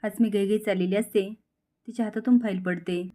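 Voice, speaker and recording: A woman narrates a scripted recap of a serial in a steady, plain storytelling voice. Her pitch sits in an ordinary middle range. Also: a little fast.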